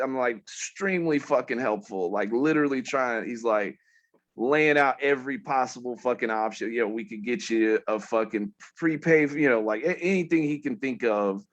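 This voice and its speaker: A man's voice: medium pitch, highs cut off. A man telling a rambling story in casual chat, swearing a lot and acting out what others said. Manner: animated storytelling, heavy swearing, acts out quotes. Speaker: podcast co-host.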